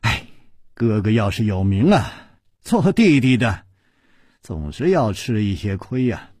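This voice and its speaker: 一位男性说书人演绎一个慌张尴尬的年轻男剑客，说话结巴，语气犹豫。. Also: male voice, on the low side, very animated, measured pace, darkish tone, slightly rough, dry recording, studio quality, pitched below the performer's own voice, full character voice. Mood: musing. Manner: stammering, nervous, awkward laughing. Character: charming young male swordsman, flustered. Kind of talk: storytelling character voice.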